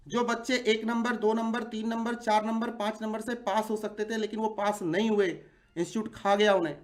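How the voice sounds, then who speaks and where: Fired-up 40ish teacher guy ranting to his viewers, keeps throwing questions at them. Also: high-pitched. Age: 40s. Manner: indignant, rhetorical questions to viewers. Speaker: exam-prep teacher. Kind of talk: impassioned video address.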